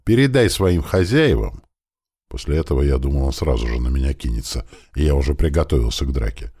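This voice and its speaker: A man's voice: a bass voice, fairly even intonation, fast, mellow, husky, dry recording, studio quality. A man narrating a first-person audiobook, telling it with tension. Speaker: audiobook reader.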